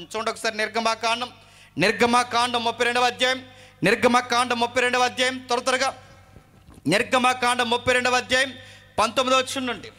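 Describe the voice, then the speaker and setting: A man's voice: very high voice, pushed and bright. A male preacher with a Telugu accent giving an emphatic sermon, asking the congregation questions and repeating phrases for force.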